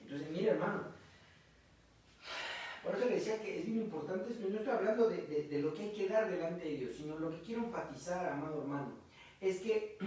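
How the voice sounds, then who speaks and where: A man's voice: high-pitched, brisk, mellow. A man preaching a sermon in a church, talking in a conversational way and often asking "¿verdad?" between phrases. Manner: conversational preaching with frequent "¿verdad?" and repeated filler words. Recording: very echoey room from a distance.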